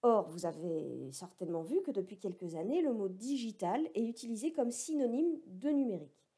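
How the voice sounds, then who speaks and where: Dark-voiced woman teaching electronics. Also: medium pitch, very animated, normal speed, slightly rough. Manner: explanatory, with wry asides. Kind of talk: recorded lecture.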